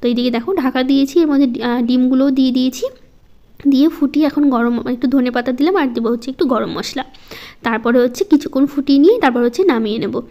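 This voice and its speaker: A woman narrating her home vlog in a slow, soft-spoken, halting way. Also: sits high. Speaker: home vlogger. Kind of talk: casual voice-over vlog.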